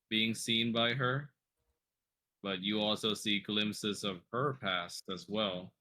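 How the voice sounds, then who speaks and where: A man narrating a tabletop role-playing game as game master, in measured, dramatic phrases with pauses. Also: fairly low pitch, pushed and bright.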